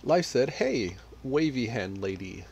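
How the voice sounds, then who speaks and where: A man's voice: mid-range voice, measured pace, slightly rough. A man from Texas, casually commenting on his game and reading chat aloud while he plays. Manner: relaxed, reads chat aloud while playing. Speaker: gaming streamer. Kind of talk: casual live-stream commentary.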